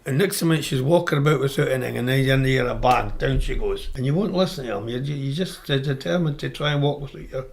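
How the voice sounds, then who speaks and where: A man's voice: mid-range voice, fast talker, gravelly, hardly any pauses, low-quality recording. An older man, talking bluntly and with exasperation about caring for his wife in a documentary interview. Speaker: husband and carer.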